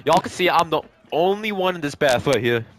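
Young American man, slightly high voice, very animated, slangy gaming commentary, swearing, trash talk. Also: a little fast, dry recording. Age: young adult. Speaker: gaming video host and player. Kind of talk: excited gameplay commentary, casual chat. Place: small indoor bathroom, sitting in an ice bath. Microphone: gaming headset.

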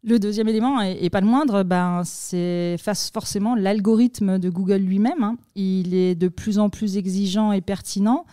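Woman, podcast explainer, measured, frequent fillers, warm dark tone. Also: mid-range voice, fairly even intonation, no echo, studio quality. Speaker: content marketing expert on an agency podcast.

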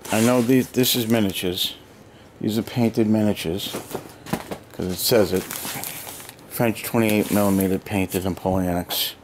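Older male collector for a casual home vlog: deep, rambling, lists things one after another; noisy handheld camera sound in a basement. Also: steady tone, unhurried. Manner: rambling, chatty, listing items one by one. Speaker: collector showing his hoard. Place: cluttered basement storage room. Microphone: handheld camera mic.

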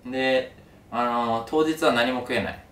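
With a mid-range voice and an unhurried pace, a young adult creator recounts a story casually to camera at home, his mouth aching two days after getting his wisdom teeth out. The camera a few steps away captures roomy, distant sound with some noise.

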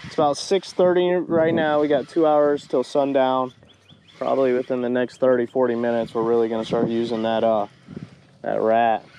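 A man vlogs his fishing trip from a kayak on a lake, chatting casually in first person about what he's doing and calling his viewers "guys," with excited shouts whenever fish bite. His voice is medium-pitched and moderately paced, recorded on a body-mounted action camera with slight background noise.

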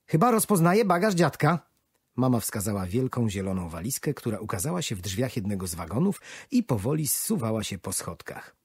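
A man narrating a children's audiobook in an expressive storytelling manner. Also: lowish voice, fairly quick, slightly rough, dry recording. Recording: dry studio audiobook.

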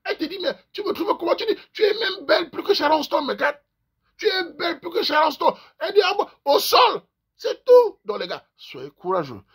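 A man's voice: high voice, husky. A man from Cameroon, giving theatrical advice in a vlog. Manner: theatrical, lively, jumps into acted voices. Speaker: advice vlogger. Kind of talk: animated advice monologue.

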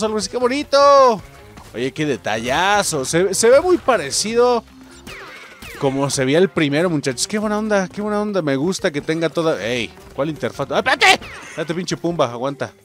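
A young Mexican man giving chatty, excitable commentary while playing a game and calling out to his viewers. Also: fairly high pitch, normal speed, faint music behind. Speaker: gaming YouTuber. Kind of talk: let's play commentary.

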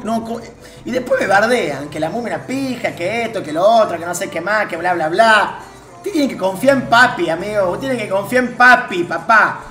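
A man with an Argentine accent streaming slots, talking loudly to his chat with sudden shouted outbursts and lots of slang. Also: high voice, echoey room. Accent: Argentine Spanish. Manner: excitable, loud outbursts and shouting, heavy slang and swearing. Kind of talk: live gambling stream chat.

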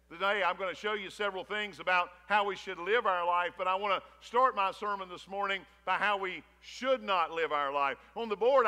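Male pastor, thirties, high bright voice, preaching to a congregation, long church-hall reverb. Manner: reads scripture slowly and low, then preaches with rising energy. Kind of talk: sermon. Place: large church stage with wood-slat wall.

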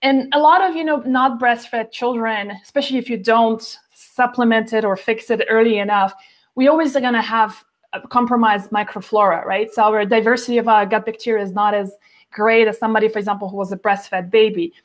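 A nutrition author in her forties joins a video call interview from home, sitting by a window with plants behind her. Her voice is on the high side, steady and fairly quick, and she chats casually with many fillers and restarts.

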